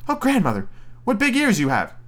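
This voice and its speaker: A man's voice: high-pitched, huge pitch swings, a little fast, voice pushed up, heavily acted. A man voicing a trusting, polite little girl, speaking earnestly in a raised voice. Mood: innocent. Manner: raised, bright-toned and earnest.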